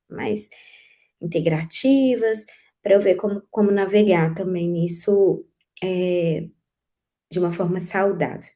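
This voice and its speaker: A woman in her forties sharing her personal experience in a group conversation, speaking in a halting, reflective way with many pauses and restarts. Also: on the low side, mellow. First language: Portuguese. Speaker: group participant.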